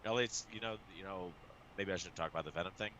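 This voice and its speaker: A man, a poker streamer and coach, chatting casually and excitedly, swearing often and restarting his sentences. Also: low voice, fast talker, a little hiss or hum, rough recording. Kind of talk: casual show chat.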